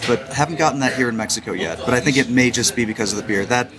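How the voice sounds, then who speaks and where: A man co-hosting a podcast in casual chat, relaxed and self-deprecating. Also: mid-range voice, rapid-fire, crowd noise. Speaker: podcast co-host. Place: Japanese supermarket. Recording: loud noisy shop recording.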